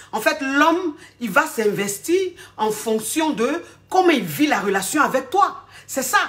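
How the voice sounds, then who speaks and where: Bright-voiced woman coaching, rambling and chatty. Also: on the high side. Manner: rambling, halting, searching aloud for words; addresses the audience directly and familiarly. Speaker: relationship coach. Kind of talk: casual live coaching talk to viewers.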